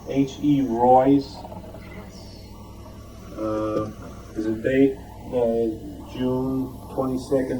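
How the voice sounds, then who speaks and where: A man with a mellow, mid-range voice presents his collection informally at a club meeting. Other members are behind him, and the distant mic picks up plenty of room noise.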